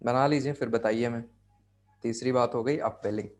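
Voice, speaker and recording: A man's voice: medium pitch, fairly even intonation, moderate pace, darkish tone. A man with an Indian accent leads a geography class over a video call. He talks in a patient, repetitive way, restating each term and stopping to ask whether everyone has understood. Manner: explains step by step, repeats key phrases, checks understanding. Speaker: geography tutor. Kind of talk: online class lecture.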